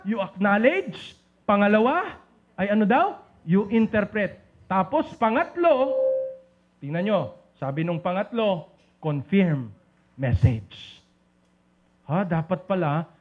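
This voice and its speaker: Man, very high voice, seminar speaker, teasing, calls on listeners, dull lo-fi recording. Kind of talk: lecture on communication to a live group.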